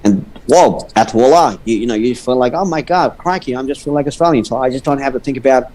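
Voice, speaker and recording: On a casual livestream, a guest from India talks fast in a mid-range, slightly mellow voice. He speaks Indian-accented English, with Punjabi as his native tongue, and stammers, frequently starting his sentences over. The audio is rough.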